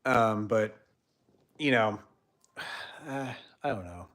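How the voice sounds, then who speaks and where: A young man hosting a casual livestream chat, rambling with many fillers and trailing off quietly at the ends of sentences. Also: fairly low pitch, lively intonation, slow pace. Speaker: host.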